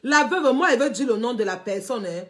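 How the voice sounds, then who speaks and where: A woman's voice: a little high, fast. A woman, hosting an unscripted live stream and ranting animatedly, repeating herself and often laughing through her words. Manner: animated, repetitive, often laughing while talking.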